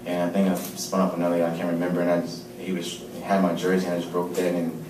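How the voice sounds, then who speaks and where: A man answering questions after a game in a low-key, matter-of-fact way. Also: monotone, fast talker, background noise. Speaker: football player at a postgame press conference. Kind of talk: postgame press conference answers. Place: large press room. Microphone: table mic, heard from a distance. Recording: roomy, distant press room audio.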